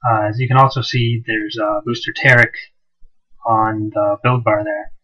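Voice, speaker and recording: A man's voice: lowish voice, normal speed. A man narrating gameplay casually over an old cheap microphone, his voice muffled and hollow as if from the bottom of a well, with frequent "uh"s and restarts. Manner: relaxed, with frequent "uh" and loose restarts. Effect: muffled hollow sound, like talking from the bottom of a well. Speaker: game mod developer.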